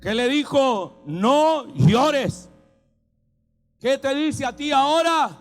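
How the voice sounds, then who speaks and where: Man, pastor, fervent sermon, very high voice, shouts and hushes, big reverberant hall. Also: unhurried, faint music behind. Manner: impassioned preaching, swinging between shouts and hushed tones. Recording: long reverb of a large hall.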